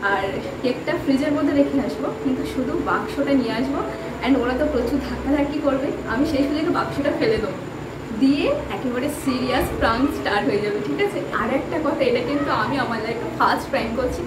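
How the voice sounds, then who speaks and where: A young woman vlogging casually to a handheld phone camera at home, a tutor who chats quickly and scolds loudly during a prank. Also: high-pitched. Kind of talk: casual vlog chat. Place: home rooms. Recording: echoey room, clear background noise.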